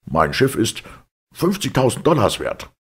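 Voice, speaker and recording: A man's voice: a bass voice, lively intonation, moderate pace, gravelly, husky, exaggerated voice. Man doing a raging bellowing sea captain. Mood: furious. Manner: shouting, furious outbursts. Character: angry blustering sea captain, middle-aged man.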